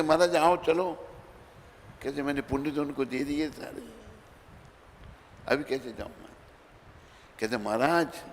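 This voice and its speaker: A man preaching a sermon in Hindi, telling a story with dramatic swings between loud and soft and acting out the dialogue. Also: medium pitch. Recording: reverberant hall with faint background noise.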